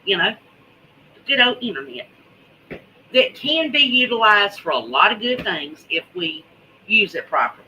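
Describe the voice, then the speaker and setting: A woman's voice: medium pitch, very animated, moderate pace, long pauses, sharp tone, slight background noise, rough recording. A woman chatting casually to viewers in a folksy, drawling way, repeating words for emphasis. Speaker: host of a homesteading preparedness vlog. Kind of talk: casual livestream chat.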